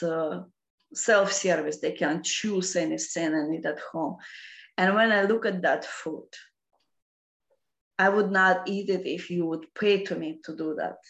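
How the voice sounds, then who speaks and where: A woman with a Russian accent explaining philosophical ideas off the cuff in halting non-native English. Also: fairly low pitch. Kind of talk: unscripted philosophical explanation in conversation. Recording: roomy, echoing sound.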